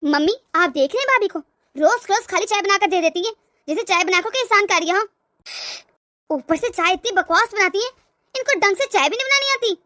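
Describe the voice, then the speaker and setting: Whiny spoiled cartoon girl, woman voicing, shrill high voice, dry recording. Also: expressive, a little fast, pushed and bright, no room sound, exaggerated voice. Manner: whiny, complaining. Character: spoiled whiny young married daughter. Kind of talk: cartoon voice acting.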